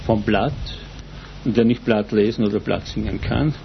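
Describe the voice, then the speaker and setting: A man answering interview questions in deliberate, halting phrases. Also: on the low side, gravelly. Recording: dull lo-fi, faint background noise.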